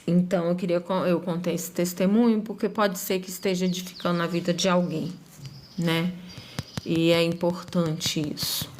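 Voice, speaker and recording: A woman's voice: fairly low pitch, flat delivery, moderate pace, a little mellow, a little hiss or hum. Woman giving a chatty faith testimony. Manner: conversational, often adding tag questions like "né?" and "sabe?".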